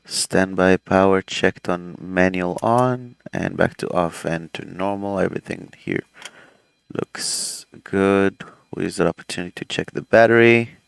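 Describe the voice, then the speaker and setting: This airline pilot streams his flight sim in a low, resonant, clear voice with vocal fry and no room sound. Relaxed and rambling, he fills his talk with fillers while working through cockpit checks, throat a little swollen.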